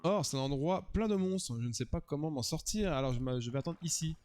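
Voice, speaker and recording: A man voicing a worried young bird-folk traveler, reading slowly and hesitantly. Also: a little high, a little mellow, close to an everyday voice.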